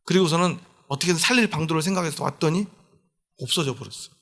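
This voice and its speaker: Guy preaching a sermon like telling a story, asks the room questions, kinda gravelly. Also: on the high side, fast, a bit bright. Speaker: pastor.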